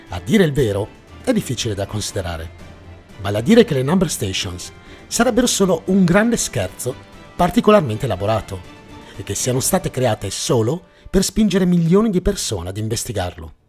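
A man's husky, slightly mellow voice at medium pitch narrates a scripted mystery documentary. As the series host, he builds suspense through dramatic storytelling while background music plays.

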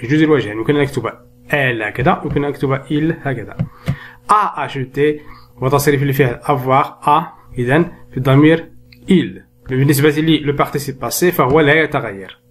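A man teaching a bilingual grammar lesson. He says example words slowly and repeats them, then explains briskly. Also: mid-range voice, slight background noise. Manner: switches between slow, drawn-out spoken French and brisk explanations; repeats words and conjugation lists slowly for dictation. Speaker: French teacher.

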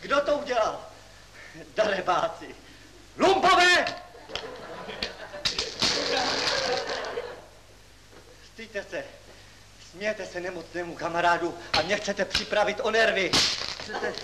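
A man's voice: high voice, close to an everyday voice. A man playing a strict old-fashioned professor. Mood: furious. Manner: stern, scolding, then gentle. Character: kindly but strict older male professor. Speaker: schoolteacher. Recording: old 1939 film soundtrack with hiss.

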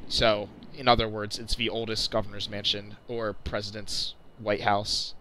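Host, male, low-ish register, bright forward tone; relaxed gameplay commentary, self-corrects often. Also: moderate pace, a little hiss or hum. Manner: chatty, self-correcting, jokey asides. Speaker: channel host. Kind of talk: casual commentary over flight-sim gameplay.

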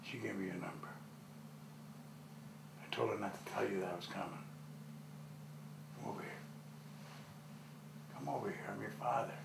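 A gravelly estranged father. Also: on the low side, moderate pace, long pauses, echoey room, background noise. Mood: somber. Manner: blunt, probing questions. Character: gruff older man, estranged father. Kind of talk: film drama acting.

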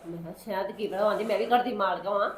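A woman's voice: mid-range voice, a little hiss or hum, natural voice. A woman playing a sly, defensive neighbour. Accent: Punjabi. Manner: quick, protesting, repeats denials. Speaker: neighbour Sukhwinder. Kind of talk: Punjabi short-film acting.

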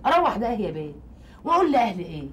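An actress playing a young housemaid who protests and complains rapidly in a TV comedy. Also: female voice, mid-range voice, sing-song, a bit bright. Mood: protesting. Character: fast-talking young housemaid Gamalat.

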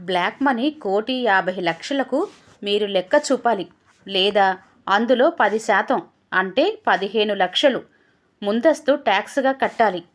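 A woman's voice: mid-range voice, measured pace, natural voice. A woman voicing a stern male tax officer who speaks in an angry, threatening way.

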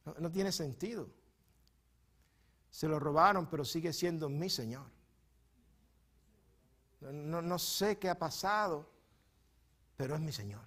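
A man preaching a sermon as pastor in a church, moving between quiet teaching asides and loud, fervent bursts, often stumbling and repeating words. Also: measured pace, pauses often. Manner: swings from soft, low teaching asides to loud, high impassioned preaching.

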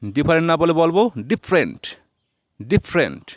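A man's voice: on the high side, a little fast, dry recording. Guy teaching english words, asks then repeats each one, dry close sound. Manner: quizzes a helper, repeats each word twice. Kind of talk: classroom-style pronunciation lesson.

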